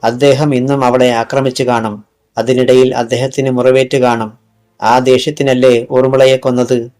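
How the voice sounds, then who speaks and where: A smooth, evasive male doctor in an audiobook thriller, read by a man. He stays polite and calm, brushing off every charge. Faint music runs behind him. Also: mid-range voice, normal speed, lightly acted.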